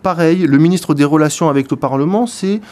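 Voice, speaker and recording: A man's voice: on the high side, fairly quick, a little mellow. A man giving a radio book review in speech, hesitant, full of fillers and repeated words. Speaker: radio columnist.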